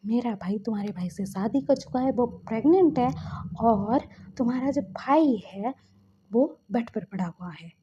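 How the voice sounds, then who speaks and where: A woman's voice: fairly high pitch, normal speed, warm tone, dull audio, a little hiss or hum, close to an everyday voice. A woman voicing an angry, protective young older brother who scolds and demands answers. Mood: angry scolding.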